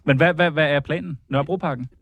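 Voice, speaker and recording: A man's voice: fairly high pitch, gravelly, fairly bright tone, dry recording, lo-fi sound. A man co-hosting a podcast, chipping in with wry, teasing remarks and questions. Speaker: podcast co-host. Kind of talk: casual comedic chat.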